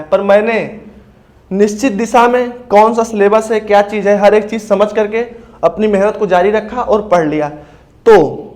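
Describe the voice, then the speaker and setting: A man's voice: high-pitched, a little mellow. A man from India, giving casual step-by-step advice to exam aspirants and often checking in with his listeners. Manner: explains step by step, often says "ठीक है भैया". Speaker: exam preparation coach. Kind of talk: casual spoken advice talk.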